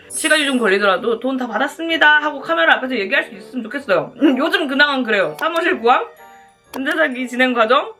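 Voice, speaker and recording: A woman's voice: mid-range voice, a bit bright. A woman chatting casually to viewers as a mukbang host, talking between bites while she eats.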